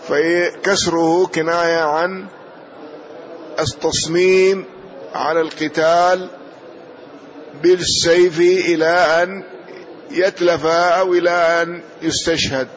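A man teaching a hadith lesson, explaining each point in a measured way and often pausing on "na'am". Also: fairly high pitch, steady tone. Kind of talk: slow explanatory lesson commentary. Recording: dull lo-fi recording.

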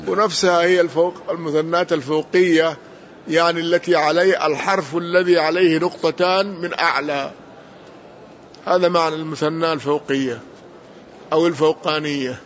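A man teaching as a sheikh, explaining a text slowly and correcting the reader's pronunciation. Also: a little high, steady tone, fairly bright tone. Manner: slow, deliberate, corrects the reader. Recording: dull lo-fi sound with faint noise.

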